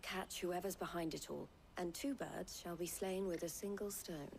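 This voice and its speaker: An actress playing a composed, formal woman trader in a video game, speaking in a measured, persuasive way. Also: on the low side, creaky, darkish tone, a little hiss or hum. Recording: game audio with music underneath. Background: game music.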